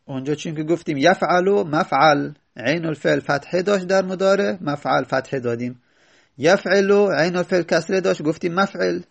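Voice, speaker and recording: Gravelly-voiced man explaining grammar. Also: a little high. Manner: reads a text line, then explains it; asks and answers his own questions. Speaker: teacher. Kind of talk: teaching Arabic grammar from a classical text.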